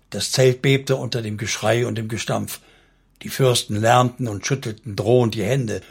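A man narrating an audiobook in a calm, steady way. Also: mid-range voice, gravelly, slightly rough. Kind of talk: audiobook reading.

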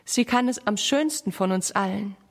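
A woman's voice: mid-range voice, moderate pace, in a large hall, natural voice. A woman voicing an eager little boy in a children's story. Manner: eager, pleading.

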